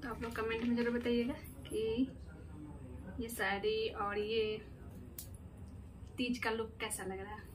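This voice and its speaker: A woman talking casually to her viewers in a home vlog, speaking softly and often near a whisper. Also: on the high side, level tone, measured pace, long pauses, music in the background. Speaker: vlogger.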